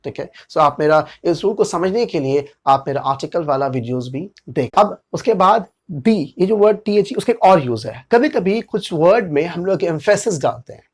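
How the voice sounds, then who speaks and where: A man with an Indian accent teaching English pronunciation, spelling out letters and repeating each sound deliberately. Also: a little high, animated. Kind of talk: slow explanatory lesson.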